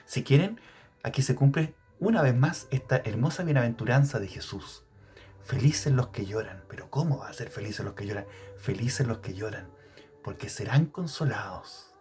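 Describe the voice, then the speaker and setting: A man preaching a Gospel reflection. He asks his listeners questions and stretches out the words he wants to stress. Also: medium pitch. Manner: expressive, questioning, drawn-out emphasis. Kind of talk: sermon-style Gospel reflection.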